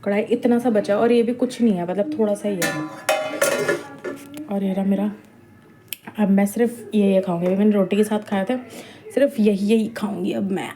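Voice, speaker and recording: A woman's voice: mid-range voice, steady tone, normal speed, pauses often. Chatty young woman vlogging at home. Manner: chatty, loud and playful on camera, hushed while talking to camera at night. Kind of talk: casual daily vlog chat. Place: home, indoors. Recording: distant mic with noticeable background noise.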